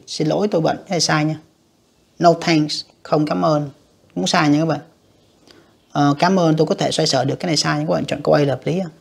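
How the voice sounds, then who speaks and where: Gravelly, husky teacher. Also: mid-range voice, darkish tone. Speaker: English teacher. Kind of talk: exam answer walkthrough.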